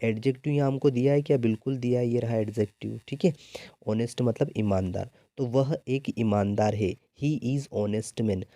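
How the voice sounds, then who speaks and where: A male teacher with a Hindi accent walks students through exam grammar questions, constantly asking "what comes here?" and answering himself. His voice is deeply mellow and warm, recorded dry and close with almost no room sound. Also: normal speed, dry recording. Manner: repetitive call-and-response questioning. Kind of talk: exam-prep grammar lesson.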